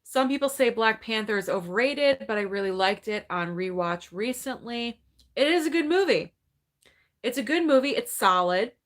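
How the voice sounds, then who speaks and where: A woman's voice: on the high side, lively intonation, moderate pace, fairly bright tone. A woman in her thirties hosting a casual live movie Q&A at home, chatty and upbeat, reading viewer comments and thinking aloud. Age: 30s. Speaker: movie channel host.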